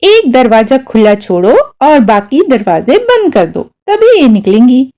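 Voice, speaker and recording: A woman's voice: high voice, very animated, moderate pace, warm tone. A woman voicing a middle-aged mother who teases her husband with sarcastic, amused remarks. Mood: mocking. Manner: sarcastic, mocking.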